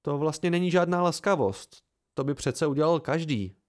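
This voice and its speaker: A man voicing a brisk, dryly teasing young woman healer in a read-aloud novel. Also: on the high side, lively intonation, lightly acted. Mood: wry.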